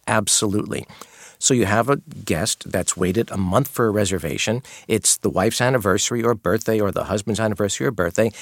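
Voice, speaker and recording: Low-voiced former maitre d' man. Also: creaky, dry recording. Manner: earnest storytelling, quotes guests in his retelling. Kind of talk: conversational interview answers.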